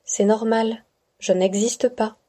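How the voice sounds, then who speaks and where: Woman doing an eerie bodiless voice, calm breathy whisper, storybook spirit. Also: on the high side, slow. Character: unseen, unreal whispering female voice.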